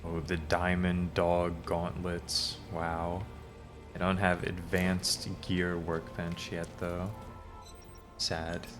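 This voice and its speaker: A man's voice: low-pitched, monotone, takes it slowly. A man giving casual, laid-back gameplay commentary, musing aloud as he plays. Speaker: gamer doing a playthrough. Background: game music.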